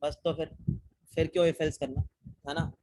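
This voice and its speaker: A man's voice: a little high, little pitch movement, moderate pace, a little mellow, poor audio. A young man teaching a live online coding class, talking students through code step by step, asking them questions and mixing English technical terms into casual Hindi. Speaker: programming teacher.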